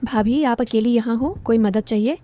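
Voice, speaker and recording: A woman's voice: fairly high pitch, normal speed, mellow, natural voice. A woman voicing a shy, hesitant young male student in a storybook reading. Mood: polite.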